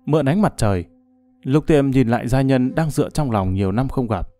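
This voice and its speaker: A man narrating a martial-arts novel as an audiobook, in a steady, even storytelling manner. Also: mid-range voice, fairly quick, no echo.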